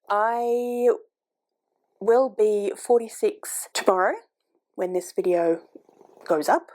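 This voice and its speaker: A book YouTuber in her forties chats casually at home about books, rambling with frequent ums and self-corrections. Her medium-pitched voice is slow and darkish, captured on a desk microphone that her cat is sitting on.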